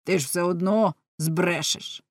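A woman voicing a jealous, hot-tempered husband who rants in loud, anguished outbursts, in a storybook reading. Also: on the low side, fairly even intonation, a little slow, dry recording. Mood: bitter.

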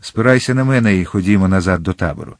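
Earnest young guardsman, read by a man, low and dry, storybook. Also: fast talker, dry recording, close to an everyday voice. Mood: firm. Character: young male guardsman, brave and generous.

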